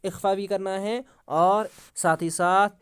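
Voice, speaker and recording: A man teaching Quran recitation rules. He asks questions, answers them himself, recites example words slowly and drawn out, and often praises with mashallah. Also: sits high, fairly even intonation, a bit bright, clean tone. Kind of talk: Quran tajweed lesson.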